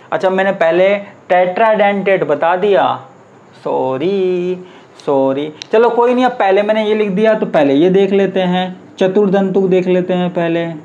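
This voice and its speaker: Male chemistry tutor, somewhat high voice, drills terms by call and answer, dull lo-fi sound. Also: darkish tone. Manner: asks the class questions and answers them himself, repeating key terms. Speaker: chemistry teacher. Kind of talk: classroom lecture.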